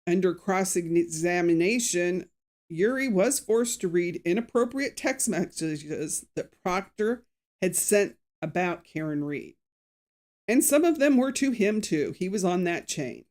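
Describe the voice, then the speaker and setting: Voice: medium pitch, expressive, a little slow, a little mellow. A true crime show host in a casual live recap, chatty and opinionated, greeting viewers by name and reading out quotes with added emphasis. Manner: reads out quotes with acted emphasis.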